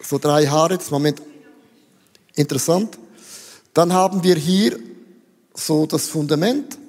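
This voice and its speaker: Male preacher, high voice, husky, long hall reverb, animated sermon. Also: unhurried. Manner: animated, mixes English phrases, acts out voices.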